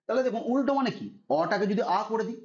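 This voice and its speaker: A man's voice: high voice, very fast, darkish tone, highs cut off, a little hiss or hum. A man teaching a Sanskrit grammar lesson online, patiently spelling out rules and often checking that students follow. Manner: patient, repeats "ঠিক আছে" to check understanding.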